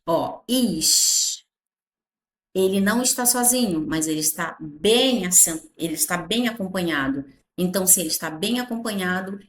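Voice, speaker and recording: Animated Brazilian woman teacher, echoey room. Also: fairly low pitch, a little hiss or hum. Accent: Brazilian Portuguese. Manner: animated, stretches words, frequent "tá?" and "ó" checks. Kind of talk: classroom grammar lesson.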